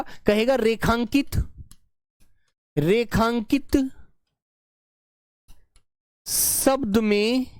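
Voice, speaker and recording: A man teaching an online grammar lesson, slowly dictating example sentences, repeating phrases and checking that his students follow. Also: sits high, clean tone, dry recording, clean studio sound. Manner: repeats phrases and keeps checking the class understands.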